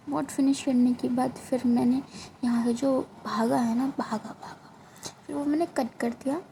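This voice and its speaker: A woman's voice: high-pitched, warm tone, slight background noise, rough recording. Woman narrating gameplay, self-mocking. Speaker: gaming creator. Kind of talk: casual gameplay commentary. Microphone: phone.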